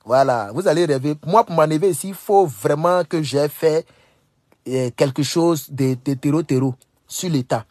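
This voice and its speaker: A man's voice: on the high side, moderate pace, darkish tone, no room sound. A young man from Burkina Faso, talking straight to camera, emphatic, repeating phrases and scolding his listeners. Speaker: political commentator. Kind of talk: casual direct-to-camera monologue.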